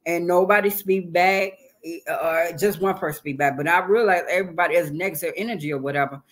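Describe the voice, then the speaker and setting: A woman's voice: lowish voice, fairly quick. A woman guest on an interview show, talking casually and earnestly, repeating phrases for emphasis. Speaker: guest, hip hop artist and author.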